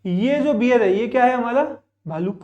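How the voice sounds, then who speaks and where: A man's voice: very high-pitched, expressive, moderate pace, a little mellow, lo-fi sound. A male teacher giving a classroom vocabulary lesson. He asks his own questions, answers them in a repetitive drill and explains patiently with frequent check-ins. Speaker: English teacher.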